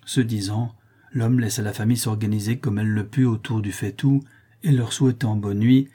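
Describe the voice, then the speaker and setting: A man narrating a historical novel in a steady, even reading. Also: on the low side, moderate pace, breathy edge. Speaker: audiobook narrator.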